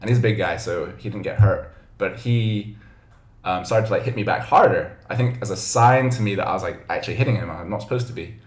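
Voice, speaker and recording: A man from Hong Kong chats as a podcast guest, easygoing and self-deprecating. His voice sits fairly low. The room gives a clear echo. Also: brisk. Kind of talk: casual podcast chat. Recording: roomy echo.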